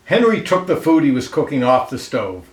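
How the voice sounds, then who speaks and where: A man reading a children's picture book aloud expressively, pausing to comment and ask listeners questions, in an echoey room. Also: medium pitch, big pitch swings. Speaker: storybook reader. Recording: roomy, echoey indoor sound.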